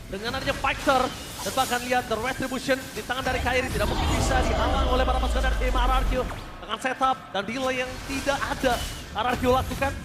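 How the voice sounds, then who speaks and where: A man with an Indonesian accent doing live esports play-by-play like a fighting game announcer, with excited, drawn-out calls of key plays. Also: very high-pitched, loud music behind the voice, a loud crowd. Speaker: esports commentator.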